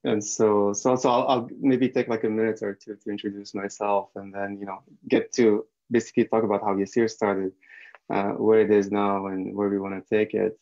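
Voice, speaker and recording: A man's voice: fairly low pitch, flat delivery, normal speed, a little mellow. A man from Algeria, a founder, speaking on a panel over a video call in a hesitant way with many fillers. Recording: dull, lo-fi video call audio.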